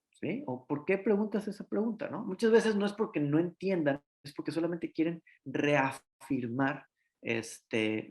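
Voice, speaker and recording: A man's voice: on the high side, a little mellow. A man giving a conversational pediatrics lecture, often ending points with tag questions and acting out parent and child dialogue. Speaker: pediatrician giving an academic talk.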